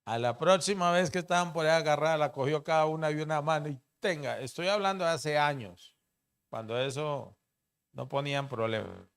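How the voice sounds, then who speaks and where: Man preaching, clear and resonant. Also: fairly high pitch, fairly quick, a bit bright. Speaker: pastor. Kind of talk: sermon. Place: church.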